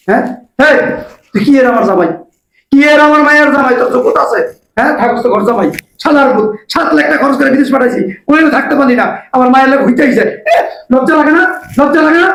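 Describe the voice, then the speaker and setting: A man's voice: extremely high pitch, fairly bright tone, reverberant, poor audio. An actor playing a bossy, scornful father-in-law who scolds and insults. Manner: scolding and insulting, repeats himself.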